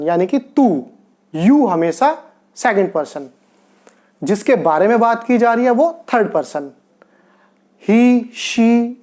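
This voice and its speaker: A man leads a grammar lesson at an easy, unhurried pace. He works through each point step by step and repeats the key words so his learners can follow. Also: sits high, darkish tone. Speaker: Spanish teacher.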